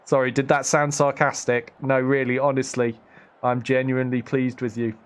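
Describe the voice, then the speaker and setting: Excitable man commentating his game. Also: mid-range voice, moderate pace. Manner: excitable, self-mocking, sarcastic asides, frequent restarts. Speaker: streamer playing a football management game. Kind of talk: live gameplay commentary.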